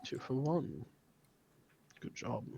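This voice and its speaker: A stern older father of high church rank, voiced by a man. He speaks slowly and gravely in a low, measured voice in a tabletop game. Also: sing-song, mellow, highs cut off, slight background noise, heavily acted.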